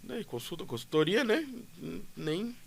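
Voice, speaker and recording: A man's voice: sits high, big pitch swings, measured pace, gravelly. A man telling a story in casual chat, playful and joking, acting out both sides of the dialogue. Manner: playful, jokey, acts out dialogue.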